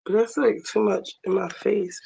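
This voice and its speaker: A woman with a hoarse voice chatting casually on a livestream while she cooks in her kitchen. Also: medium pitch, fairly even intonation, measured pace, warm tone, low-quality recording. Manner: chatty, multitasking while cooking. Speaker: livestream host. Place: home kitchen, running water. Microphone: phone camera.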